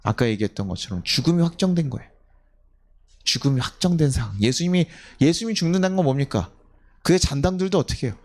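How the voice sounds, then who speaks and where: A male pastor with a fairly high voice, preaching in a church at an evening service. He tells a story with a lot of animation and keeps throwing questions out to the congregation, now and then putting on the voices of the people in it. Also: animated, fast talker, a little mellow. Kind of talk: sermon. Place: church sanctuary.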